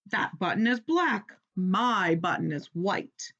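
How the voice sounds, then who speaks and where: A woman's voice: mid-range voice, big pitch swings, slow pace, fairly bright tone, dull audio, heavily acted. A woman reading a storybook as a grumpy, easily upset male toad, whiny and exasperated, complaining with emphasis. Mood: annoyed.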